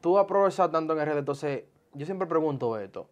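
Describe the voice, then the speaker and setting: A young man, hosting a casual interview in a small studio, friendly and animated when he makes a point. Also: fairly high pitch, fairly quick. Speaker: podcast host. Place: small indoor studio with sofa chairs.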